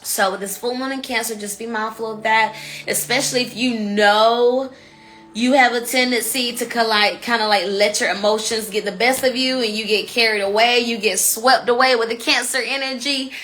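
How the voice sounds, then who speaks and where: A woman hosting an astrology podcast, talking casually and coaching listeners, often checking in with a quick "okay?". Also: fairly high pitch, fairly even intonation, a bit bright, soft background music. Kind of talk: casual energy forecast talk. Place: recorded for a phone livestream.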